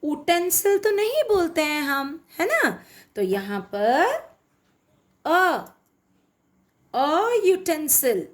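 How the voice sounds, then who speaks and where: A woman teaching English grammar, slowly repeating words and often checking that students understand. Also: high voice, very animated. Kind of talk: explaining a grammar lesson.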